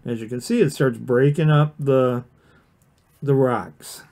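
Speaking slowly in a mellow, medium-pitched voice, this man chats his way through a watercolor lesson on a relaxed livestream. Plain and encouraging, he rambles, restarts and fills gaps as he paints beneath an overhead camera in his indoor studio.

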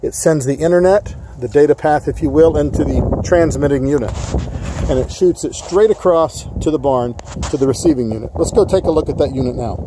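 A man's voice: on the high side, noisy background. Man walking through a casual tech how-to. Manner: plain explanatory, with frequent "uh" pauses. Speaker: tech installer demonstrating a setup. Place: outdoors on a rural property and inside a barn office. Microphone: handheld phone camera, filming while walking.

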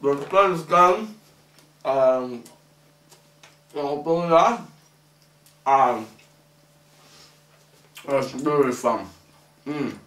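Young man, mouth full of food, muffled mumbling, very slow and halting, echoey room, distant mic. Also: mid-range voice, a bit bright. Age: young adult. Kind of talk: halting, rambling monologue to camera while eating.

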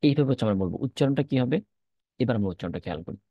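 Male teacher, low gravelly voice, dry close sound, patient step-by-step drilling. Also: animated, no room sound, muffled recording. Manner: patient, repeats letter drills slowly. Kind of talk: step-by-step lesson on reading Arabic letters.

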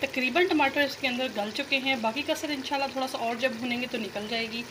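A woman hosting a cooking channel, calmly explaining a recipe step by step in voice-over narration. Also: high voice, brisk. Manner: calm step-by-step instruction. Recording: noisy kitchen, sizzling pot.

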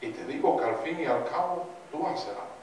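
A man's voice: fairly high pitch, quick pace, a little hiss or hum. Guy preaching in a chapel, fired up, asks the crowd questions, far from the mic, lots of echo. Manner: animated, rhetorical questions to the congregation. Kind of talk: sermon.

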